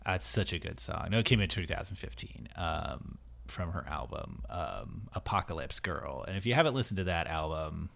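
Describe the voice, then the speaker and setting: A man's voice: very deep voice, animated, moderate pace, gravelly, hardly any pauses, fairly bright tone. A man hosting a music podcast in casual chat, enthusiastic and rambling with many fillers. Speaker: podcast host.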